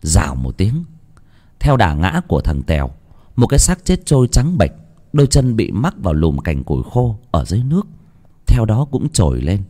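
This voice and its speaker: Low-voiced, lively horror storyteller man. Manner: dramatic, vivid, expressive storytelling. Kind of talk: scripted horror story narration.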